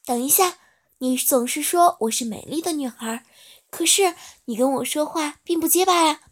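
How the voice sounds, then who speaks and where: A woman's voice: sits high, normal speed, voice pushed up, lightly acted. A woman voicing a caring, worried widowed mother in a storybook reading, speaking in a coaxing way. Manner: warm, coaxing, concerned.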